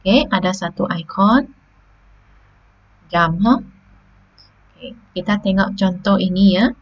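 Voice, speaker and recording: A woman's voice: medium pitch, measured pace, highs cut off. A Malaysian woman teacher taking students through a lesson step by step, often checking in with "okey" and "ha?". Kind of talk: classroom lesson on slides.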